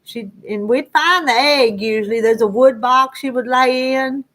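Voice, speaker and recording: With a high, slightly bright voice, she talks a little slowly. This woman in her sixties, from the Arkansas Ozarks foothills of the United States, hosts a livestream and chats with viewers casually in a rural Southern Ozark country accent, rambling in a homespun, folksy way.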